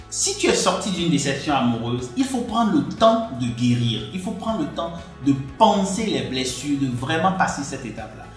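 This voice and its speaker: Man, earnest coaching talk, fairly high voice, very echoey room, faint music behind. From Benin. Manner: earnest, addresses the listener directly, emphatic pitch jumps. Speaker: relationship coach. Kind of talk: direct-to-camera advice talk.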